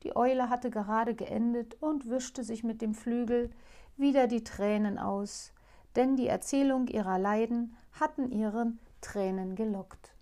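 A woman narrating a fairy tale in a calm, hushed storytelling voice that sometimes drops to a near whisper. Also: a little high, unhurried.

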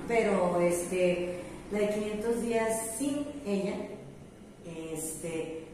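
A young woman with a Mexican accent, talking in a chatty, reflective way in casual conversation. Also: mid-range voice. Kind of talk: casual chat. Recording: roomy echo, far from mic, faint noise.

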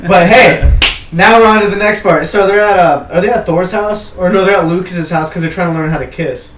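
A man's voice: high-pitched, brisk, a bit bright. A young man chatting casually with friends as a podcast co-host, with slangy frat-bro banter. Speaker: podcast co-host recapping a film. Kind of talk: casual chat among friends. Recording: roomy echo, distant mic, faint noise.

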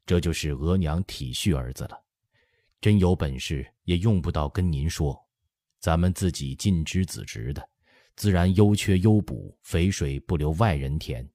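Brief: dutiful emperor addressing his mother, read by a male narrator, low and measured. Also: warm tone, no room sound, studio quality. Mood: deferential. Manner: deferential, explaining. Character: middle-aged emperor, dutiful, respectful son.

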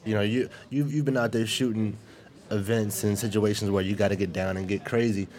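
A man in his late twenties hosting a podcast, chatting casually with quick restarts and repeated words. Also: on the low side, fairly even intonation, darkish tone. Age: 20s. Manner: fast, repetitive restarts, friendly. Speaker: podcast host. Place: event space.

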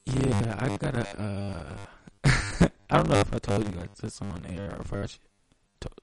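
A young man with a gravelly, low-pitched voice trades stories on a casual podcast. His talk is animated and full of slang. Faint music plays underneath. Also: normal speed, poor audio. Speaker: podcast co-host. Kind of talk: casual chat.

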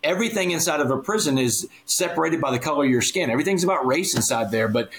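A man's voice: on the high side, lively intonation, fast talker, a bit bright. A man on a podcast as a guest speaker, telling his story in earnest and acting out the dialogue he quotes. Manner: earnest, acts out quoted dialogue, addresses host by name. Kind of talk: storytelling in a conversational interview.

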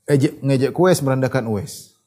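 A man's voice: mid-range voice, brisk, dark tone. A man giving a storytelling religious lesson. He reads Arabic narrations, retells them in casual speech and acts out the characters' lines. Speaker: religious teacher.

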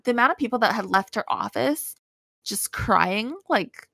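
A woman's voice: on the high side, moderate pace, vocal fry, no echo. Candid woman telling stories, dry close mic. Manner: candid, animated storytelling, acts out quotes. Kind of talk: casual chat.

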